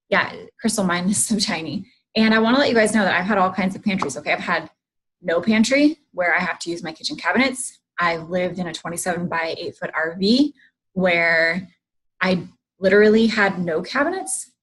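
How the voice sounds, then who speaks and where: On a low-quality recording, a livestream host talks in a casual, chatty way and says hello to viewers, though she's losing her voice and keeps clearing her throat. Her pitch is fairly low, her tone fairly bright and slightly rough.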